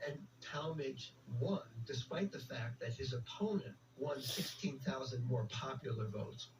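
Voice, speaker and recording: A man, a radio interview guest, explaining history in a calm, explanatory way. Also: mid-range voice, measured pace, far from the mic, noisy background.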